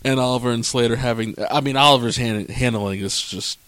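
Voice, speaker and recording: A man with a mid-pitched voice gives a laid-back, dry recap of a TV episode. He pauses on fillers before each point, and the sound is dry and close. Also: fairly bright tone, clean tone, dry recording. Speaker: podcast co-host. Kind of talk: casual chat recapping a TV episode.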